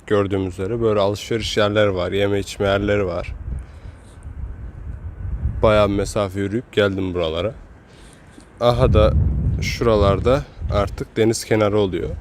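A man's voice: lowish voice, a little mellow, rough recording. Man, casual travel vlog, chatty and exclaiming, outdoors on a handheld camera, faint noise behind. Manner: chatty, exclaims at sights, slangy. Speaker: travel vlogger. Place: outdoors in a windy city by the sea.

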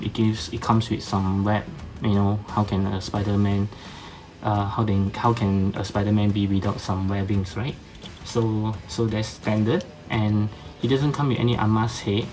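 A man with a fairly low voice gives an unscripted, casual review. His speech is hesitant and full of long filled pauses, a little slurred because half his face is numb from the dentist. Faint music plays behind him. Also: a little mellow, poor audio. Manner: slightly slurred speech from a dentist-numbed mouth. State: half of face numb after tooth operation. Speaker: toy reviewer.

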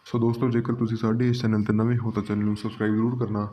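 A man, hosting a channel and calmly giving step-by-step religious instructions to his viewers. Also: lowish voice, very fast, highs cut off, a little hiss or hum. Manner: calm, repetitive, addresses listeners as friends.

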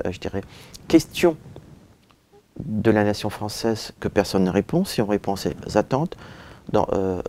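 Low gravelly man in an interview. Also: dark tone. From born in Turkey, raised in France. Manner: frequent "euh" and "je dirais" fillers, hesitant then emphatic. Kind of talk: seated interview answers. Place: indoor office with bookshelves. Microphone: lapel mic.

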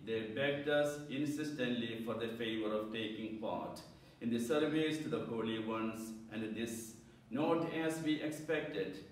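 Slow priest in cathedral echo. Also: male voice, medium pitch, darkish tone, a little hiss or hum. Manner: measured, solemn recitation. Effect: heavy cathedral-like church echo. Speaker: priest leading Mass. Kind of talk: reciting the liturgy and readings. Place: large church. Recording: very echoey church, mic far off.

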